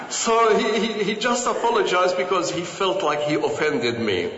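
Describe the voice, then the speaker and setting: Recounting his personal experiences, this earnest storyteller from Jerusalem keeps things lively with frequent fillers and lines of quoted dialogue. His voice sits high. The sound is muffled and lo-fi, bouncing around an echoey hall.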